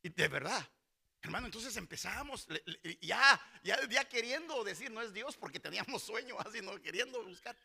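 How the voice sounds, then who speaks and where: A man's voice: high voice, lively intonation, normal speed, creaky, sharp tone, slightly rough. A middle-aged male pastor preaching a sermon in a church hall, calling out to the congregation and acting out voices from Bible stories. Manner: preaching with call-and-response to the congregation.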